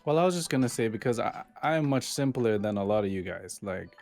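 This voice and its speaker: Low-voiced, easygoing man hosting a podcast. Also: expressive, fast talker, gravelly, darkish tone, faint music behind. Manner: easygoing, laughs often. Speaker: podcast host. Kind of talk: casual chat. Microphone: online voice call.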